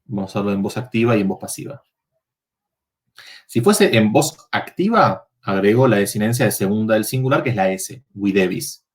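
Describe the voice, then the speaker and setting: A man's voice: lowish voice, lively intonation, fairly quick. A man teaching a university Latin workshop, explaining verb forms step by step and checking in with the students.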